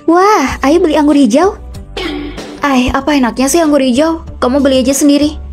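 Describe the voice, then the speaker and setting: A young woman voicing bickering female college roommates in a dubbed short drama, with a quick, snappy, sassy delivery. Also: sits high, a little mellow, soft background music, natural voice. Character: bickering young women college dorm students.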